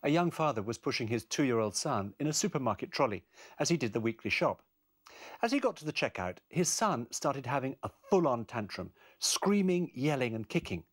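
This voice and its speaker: A man presenting a parenting course in calm, measured, scripted narration. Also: mid-range voice.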